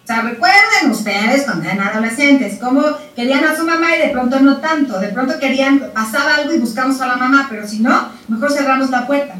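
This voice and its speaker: A woman explaining child development in a lively chat, repeating words for emphasis and acting out parents and children. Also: high-pitched, a little fast, few pauses. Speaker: parenting expert guest. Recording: roomy sound from a distant mic.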